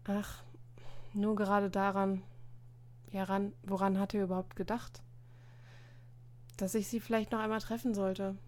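A woman's voice: medium pitch, little pitch movement, unhurried, pauses often, darkish tone, close to an everyday voice. A woman reading a story aloud and voicing an exasperated teenage schoolboy who answers in irritated, sighing replies. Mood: musing.

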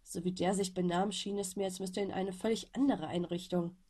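Husky woman reading first-person story. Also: fairly even intonation, brisk, warm tone. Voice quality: slightly husky from a cold. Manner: subdued, weary low-key telling. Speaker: audiobook reader. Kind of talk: first-person fanfiction narration.

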